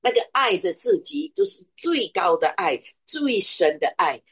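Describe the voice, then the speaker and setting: A woman's voice: mid-range voice, very animated, unhurried, fairly bright tone, slightly rough, no echo. A middle-aged woman preaching a sermon, stressing her points by repeating phrases.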